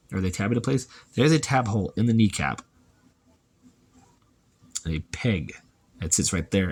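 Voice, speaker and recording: A man casually reviewing a toy, chatty and relaxed, thinking aloud as he handles it. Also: fairly low pitch, husky.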